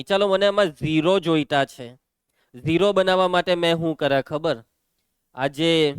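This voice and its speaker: A man teaching a maths lesson, walking students briskly through each step. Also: sits high, clean tone, no room sound.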